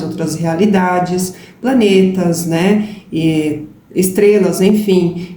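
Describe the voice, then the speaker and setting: A woman co-hosting a spiritual talk, explaining calmly and affirming her partner's points. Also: mid-range voice. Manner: calm, affirming explanations with "gente" and "né?". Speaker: spiritual channel co-host. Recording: roomy with faint background hiss.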